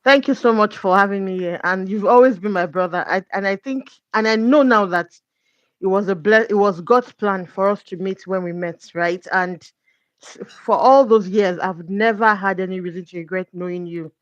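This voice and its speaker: As a guest coach in a conversational faith talk, a woman speaks earnestly and carefully, working through her points with examples. Her medium-pitched voice moves at normal speed and sounds dry and a bit dull, with no echo or room around it.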